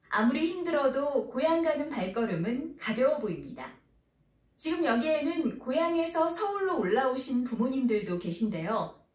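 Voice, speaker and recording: A woman reading scripted Korean textbook dialogue and a news report, with a fast announcer delivery. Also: high-pitched, a little mellow. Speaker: recorded textbook audio speaker. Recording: roomy audio played back from a distance.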